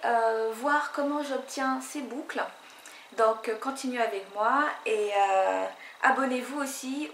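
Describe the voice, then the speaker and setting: A young woman from French Guiana talks her way through a casual hair tutorial, chatty and rambling, full of fillers and restarts. Her voice is fairly high, and the echoey room carries slight background noise.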